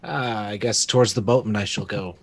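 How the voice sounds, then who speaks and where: A man's voice: lowish voice, fairly even intonation, brisk, a crowd in the background. A man playing a tabletop game, talking in a hesitant, rambling and goofy way. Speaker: player.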